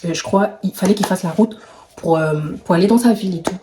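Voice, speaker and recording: Animated young woman telling a storytime. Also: fairly low pitch, fairly quick, reverberant, a little hiss or hum. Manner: animated, slangy, laughs often, swings between loud exclamations and whispers. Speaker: vlogger. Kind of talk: casual storytime.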